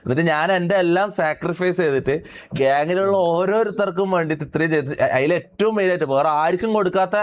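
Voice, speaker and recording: Streamer man, quick and pressing, repeatedly asking if you get it. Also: high-pitched. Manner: emphatic, aggrieved, keeps asking if listeners understand. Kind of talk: livestream chat.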